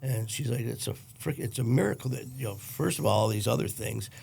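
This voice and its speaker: A man's voice: mid-range voice, fast, gravelly, a little mellow, slightly rough. A middle-aged man from Detroit, a podcast guest, telling a blunt, profane story with lots of quoted dialogue. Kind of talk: casual storytelling.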